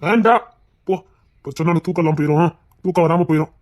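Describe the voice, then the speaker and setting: A man's voice: a little high, fast. A man teasing his wife in a casual couple chat, stalling and holding back laughter. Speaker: husband in a couple vlog.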